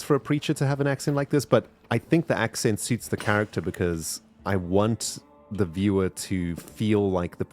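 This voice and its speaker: On the low side with a darkish tone, this man's voice carries a South African accent. He's streaming a game, giving casual commentary while rambling and speaking directly to his chat.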